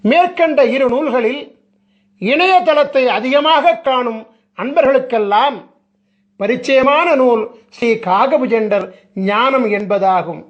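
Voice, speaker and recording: Slow, high-voiced man giving a solemn discourse. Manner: solemn, measured, rhetorical questions. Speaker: spiritual teacher. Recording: muffled lo-fi recording.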